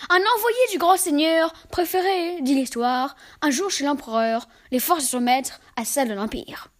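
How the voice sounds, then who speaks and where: High-voiced woman reciting verse fables. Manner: measured, expressive recitation. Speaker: reader.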